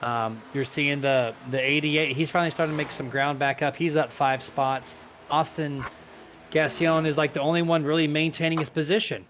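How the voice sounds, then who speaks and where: A man giving live color commentary on a simulated stock car race, analytical and steady as he breaks down positions and tire wear. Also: a little high, moderate pace, slight background noise.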